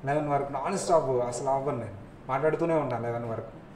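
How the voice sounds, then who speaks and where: A man's voice: mid-range voice, fast. A man teaching a class, quizzing his students and acting out little scenes as he goes. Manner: lively, asks students questions, acts out scolding scenes. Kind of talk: classroom lecture. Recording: echoey room, faint noise.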